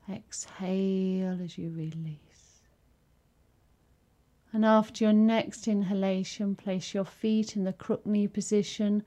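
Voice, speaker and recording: A woman guiding a yoga and relaxation session, giving soft, soothing instructions with long pauses between phrases. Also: mid-range voice, highs cut off. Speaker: yoga teacher.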